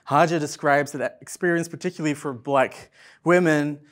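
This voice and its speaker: A man's voice: on the high side, fairly even intonation, moderate pace, a bit bright. Breathless young man giving an academic talk. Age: 20s. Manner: breathless after dancing, many ums. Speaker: symposium speaker. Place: event space in a museum.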